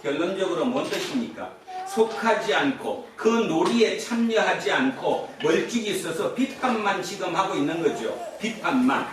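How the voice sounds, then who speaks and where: A man's voice: sits high, expressive, moderate pace, slight background noise. A male pastor preaching a Sunday sermon in a conversational way, often putting questions to the congregation. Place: church sanctuary. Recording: echoey hall from far off.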